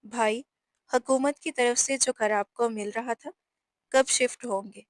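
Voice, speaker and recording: A woman's voice: fairly high pitch, steady tone, measured pace, no room sound, clean studio sound, close to an everyday voice. A woman voicing a blunt young sister asking her brother an abrupt question in a storybook reading. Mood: curious.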